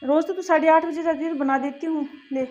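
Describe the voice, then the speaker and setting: A woman playing a put-upon elder daughter-in-law in a home family skit, hurried and apologetic. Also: sits high, fairly even intonation, a little mellow, highs cut off, natural voice. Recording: echoey room, distant mic, faint music.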